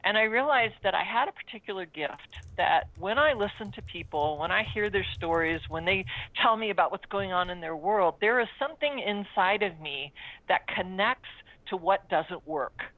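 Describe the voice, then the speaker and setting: A woman's voice: medium pitch, expressive, moderate pace. A mature woman speaking as a coach being interviewed, telling personal stories in an earnest, explanatory, conversational way. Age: 50s or older. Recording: dry, phone-like narrow-band sound.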